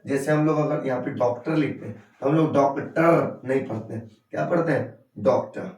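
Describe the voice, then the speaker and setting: A man's voice: medium pitch, quick pace, a little mellow. A male English grammar teacher giving a lesson, often asking a question and then answering it himself. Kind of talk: classroom lesson. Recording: echoey room from far off.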